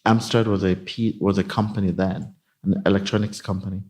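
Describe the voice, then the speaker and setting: A man in his fifties from Nigeria, a company executive answering interview questions in a measured, explanatory way. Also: sits low, flat delivery, darkish tone. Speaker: guest, company CIO. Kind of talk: casual interview.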